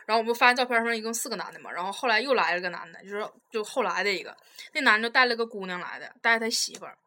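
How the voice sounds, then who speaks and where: Young woman, rapid-fire, bright tone, blunt and profane. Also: medium pitch. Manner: blunt, heavy swearing, animated storytelling. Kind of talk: casual chat.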